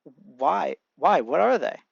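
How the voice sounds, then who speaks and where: Man doing a curious, excitable teen boy. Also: fairly high pitch, slow pace, creaky, slightly rough, dry recording, muffled recording, heavily acted.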